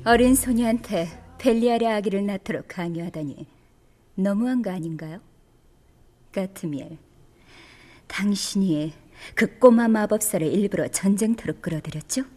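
A woman's voice: medium pitch, moderate pace, darkish tone, long reverb tail, lightly acted. A woman playing a cool, accusing noble daughter in an audio drama.

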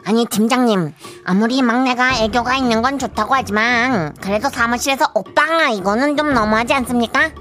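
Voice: mid-range voice, normal speed, hardly any pauses, sharp tone, soft background music, close to an everyday voice. A woman acting a blunt, insistent assistant manager in a radio comedy skit. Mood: indignant. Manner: indignant, insistent.

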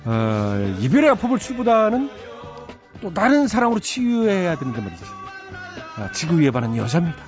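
A man's voice: sits high, huge pitch swings, normal speed. A male radio host reading out listener text messages with chatty, teasing comments. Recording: slightly dull radio broadcast with faint music.

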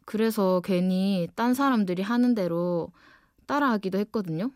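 A woman guest-DJing late-night radio talks frankly and reflectively about personal matters in a medium-pitched, darkish voice at normal speed. She is twenty, studies design, and carries the Gyeongsang accent of her hometown Ulsan; the sound is dry and clean, like a studio.

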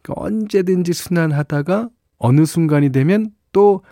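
Mellow, easygoing male radio DJ. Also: on the high side, normal speed, dry recording, clean studio sound. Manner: relaxed, chatty, reads listener messages with small laughs. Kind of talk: late-night radio music show chat. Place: radio studio. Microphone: studio microphone.

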